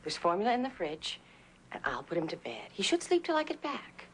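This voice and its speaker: A woman's voice: mid-range voice, huge pitch swings, fairly quick, slight background noise. An actress playing a middle-aged mother who stays firm with her teenage son yet sounds apologetic, in a 1980s TV drama. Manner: firm, apologetic, then tearful.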